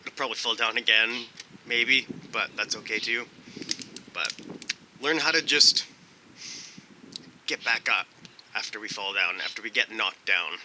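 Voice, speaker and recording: A man with a lowish, sharp-toned voice hosts a relaxed snack review vlog outside, musing aloud as he meanders along. The recording is windy, with gusts audible behind him.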